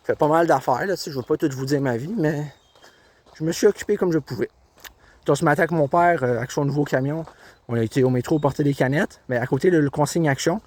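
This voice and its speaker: A man's voice: on the high side, fast, a little mellow. A young man with a Québécois accent chatting casually as he walks a country trail, filming himself on a handheld tablet, rambling and poking fun at himself. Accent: Québécois French. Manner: rambling, chatty, self-mocking. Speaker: vlogger. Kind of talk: casual walking vlog. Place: outdoors, countryside trail by a river and road. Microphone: handheld tablet camera. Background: faint outdoor ambience, birds and passing cars.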